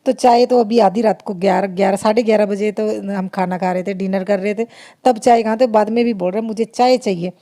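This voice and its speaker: Chatty mellow-voiced woman narrating a vlog. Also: mid-range voice, fairly even intonation, brisk. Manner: chatty, laughs often, frequent restarts. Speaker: vlogger and mother. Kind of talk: casual voice-over narration of home video.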